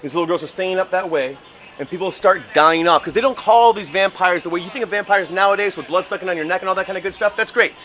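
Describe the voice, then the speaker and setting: A man working as a ghost tour guide, telling stories in an animated, theatrical way with casual, jokey asides. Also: sits high, quick pace. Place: outdoors on a city street walking tour. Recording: noisy outdoor street ambience.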